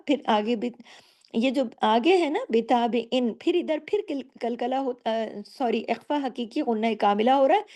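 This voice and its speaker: Her voice fairly high and mellow, a woman patiently leads a gradual, step-by-step tajweed lesson on the rules of reciting the Quran. She works through every rule and keeps raising questions that she then answers herself.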